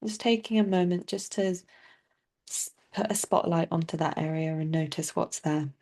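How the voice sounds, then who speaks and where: Long, unhurried pauses mark the delivery of a woman teaching a guided body scan meditation. Her lowish voice stays soft and soothing.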